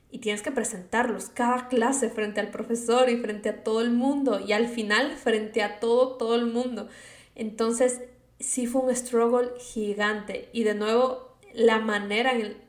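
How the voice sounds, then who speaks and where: A woman's voice: medium pitch, roomy sound. A young woman from Latin America with a Latin American Spanish accent, chatting casually and giving advice, dropping English words into her speech. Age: young adult. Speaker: vlogger.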